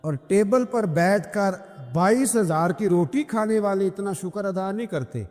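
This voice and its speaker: A male preacher delivers a sermon, telling a story and posing rhetorical questions to keep listeners engaged while checking that they're following along. His voice is high and a little mellow, in a reverberant hall with faint music.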